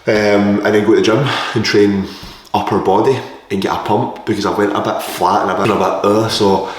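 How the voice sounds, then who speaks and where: A man's voice: on the low side, fairly even intonation, fairly quick, a little hiss or hum. A man chatting casually in a blokey, sweary way as a fitness vlogger, recorded in an echoey room. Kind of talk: casual vlog chat and gym tips. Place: large echoey indoor kitchen. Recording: echoey room with hard reflections.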